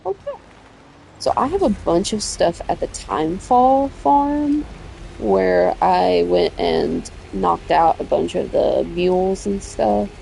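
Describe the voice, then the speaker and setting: A woman's voice: fairly low pitch, expressive, slow pace, creaky, dark tone, slight background noise. A woman chatting casually on a livestream while she plays a video game, rambling and self-correcting as she talks and laughing easily.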